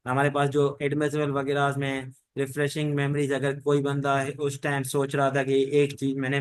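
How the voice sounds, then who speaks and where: This dry recording captures a man's mid-range voice as he lectures an online law class. The style is loose and wandering, with frequent stock phrases, and he switches between Hindi-Urdu and English legal terminology.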